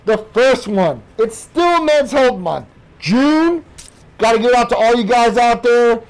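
An American man hosting an energetic talk show, speaking emphatically with his voice muffled by a face mask. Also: very high voice, unhurried, clear, resonant tone. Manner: emphatic, repetitive, addresses listeners as guys. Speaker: podcast host.

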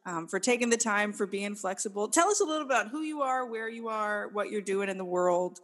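A woman's voice: mid-range voice, animated, a little fast, fairly bright tone. A woman hosting a podcast, introducing her guest and asking questions in an upbeat, conversational way. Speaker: podcast host.

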